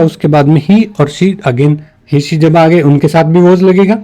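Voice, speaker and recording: A man's voice: a little high, warm tone. A man teaching a spoken English class, patiently repeating example sentences and switching between two languages. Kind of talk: explanatory online class.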